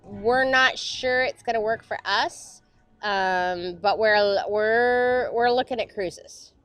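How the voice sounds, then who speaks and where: A woman's voice: on the high side, slow pace, a bit bright, clear, resonant tone, dry recording. A middle-aged woman from Florida co-hosting a casual chat, giggly and rambling with many restarts. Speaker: co-host. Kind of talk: casual chat while drinking.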